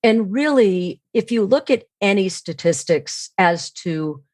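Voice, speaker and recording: On a remote online call, a woman who trains salespeople teaches as an expert podcast guest, frequently posing and answering her own questions. She has a medium-pitched, animated, slightly mellow voice and speaks unhurriedly; the audio is studio quality with no echo.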